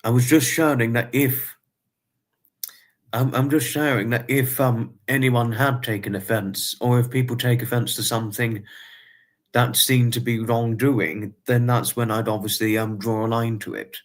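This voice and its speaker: A casual livestream host in his twenties speaks in a mid-range voice, evenly and at a moderate pace. He often circles back over the same points and uses quaint, formal language.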